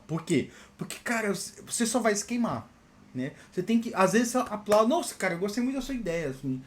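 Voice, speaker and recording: A Brazilian man, a software engineer and channel host, tells work stories in a casual monologue and often adds a quick "né?". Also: a little high. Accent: Brazilian Portuguese. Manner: animated, peppers talk with "né?".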